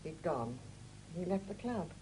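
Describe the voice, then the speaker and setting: A woman's voice: fairly low pitch, big pitch swings, a little slow, mellow, slight background noise, poor audio. A woman interviewed about her late husband, recounting memories and acting out the dialogue of her story. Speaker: interviewee, widow of the subject.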